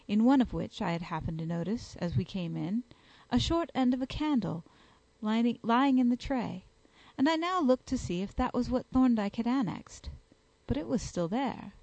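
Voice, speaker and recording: A woman reading a detective story aloud as an audiobook, in an even, steady storytelling manner. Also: fairly high pitch, creaky, no echo, poor audio. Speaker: audiobook reader. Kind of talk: audiobook narration.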